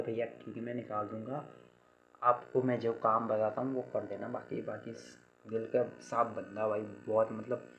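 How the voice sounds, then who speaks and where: A man's voice: medium pitch, dull audio, a little hiss or hum. A young man telling a story in a casual vlog, chatty, calling listeners "bhai" and acting out what others said. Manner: chatty, repeats "bhai" and "theek hai", quotes others in dialogue. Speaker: vlogger.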